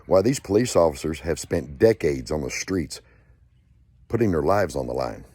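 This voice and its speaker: A man with a very low, dark voice rants angrily at the camera. He swears freely and keeps hammering the same points. His tone is husky and mellow rather than bright. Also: dry recording. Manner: angry, profane, repetitive ranting. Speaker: channel host. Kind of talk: angry rant to camera.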